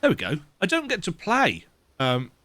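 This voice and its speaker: A high, sharp male voice with wildly swooping pitch comes at a moderate pace, with no echo. He's a gaming video host with a slight cold, giving a chatty, self-deprecating let's-play of a horror game in a dark room at home, lights switched off.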